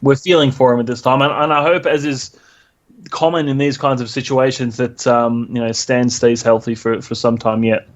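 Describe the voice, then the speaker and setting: A man's voice: mid-range voice, steady tone, moderate pace. Man with a dull lo-fi podcast mic. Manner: earnest, laughs easily, reads quotes aloud. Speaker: podcast host. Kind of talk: casual chat and news reading.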